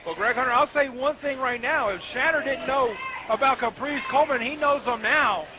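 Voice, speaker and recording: A man's voice: extremely high pitch, moderate pace. A man giving color commentary on a live wrestling match, explaining moves in a conversational way. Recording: noisy live event recording.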